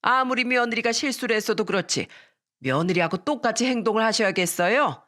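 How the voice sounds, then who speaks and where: A woman's voice: a little high, animated, a little fast, a bit bright. A woman voicing a combative middle-aged mother who scolds her daughter's mother-in-law. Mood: indignant. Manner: indignant and scolding.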